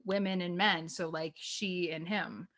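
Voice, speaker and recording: A woman's voice: lowish voice, fairly even intonation, a little slow, a bit bright. A woman in her mid-twenties hosting a podcast, talking earnestly in a casual chat with many fillers. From Canada. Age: 20s. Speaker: podcast host.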